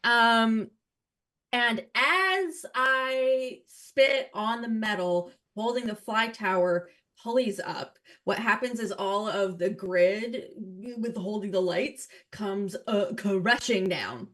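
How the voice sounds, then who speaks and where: A woman's voice: medium pitch, slow, a bit bright. A woman playing a tabletop roleplaying game, casually improvising her moves in a theatrical, playfully self-satisfied way.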